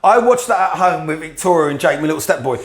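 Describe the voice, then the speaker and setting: A man's voice: a little high, animated, fast. A man, a podcast guest rambling through anecdotes and laughing often. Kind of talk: casual chat, storytelling. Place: vape shop. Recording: echoey room.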